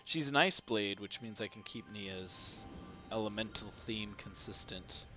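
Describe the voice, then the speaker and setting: A man's voice: lowish voice, a little slow, bright, forceful tone, faint music behind. A man giving casual, wry running commentary while streaming a video game, reacting aloud to each result.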